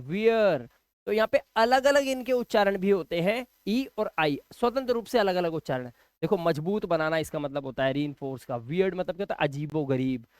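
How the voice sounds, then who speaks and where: A man's voice: sits high, no room sound, clean studio sound. Man teaching English pronunciation. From India. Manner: asks questions and answers them himself; repeats each example word slowly. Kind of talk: classroom-style pronunciation lesson.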